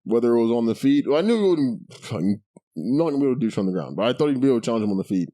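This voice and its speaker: A man's voice: medium pitch, animated, racing, mellow, no room sound, studio quality. A man co-hosting a podcast, chatting casually with profanity, sarcasm and frequent laughter. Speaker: podcast co-host. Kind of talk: casual chat.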